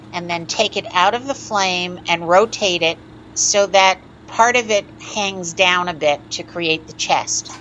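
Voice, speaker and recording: A woman teaching a step-by-step glass sculpting lesson, explaining each move in a calm, methodical way. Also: fairly low pitch, lo-fi sound, slight background noise. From United States. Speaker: glass artist teaching a lampworking demo. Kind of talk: step-by-step tutorial narration.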